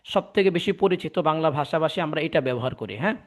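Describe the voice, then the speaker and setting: A man teaching an online recitation class, patiently explaining and drilling syllables slowly for students to repeat over a video call. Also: on the high side, lively intonation.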